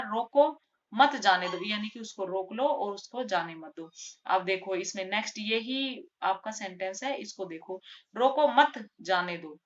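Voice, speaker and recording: A woman's voice: medium pitch, a bit bright. A woman teaching in a casual classroom way, repeating each rule in simpler words and stressing the example sentences. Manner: stresses example sentences, saying them slowly. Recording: dull lo-fi recording.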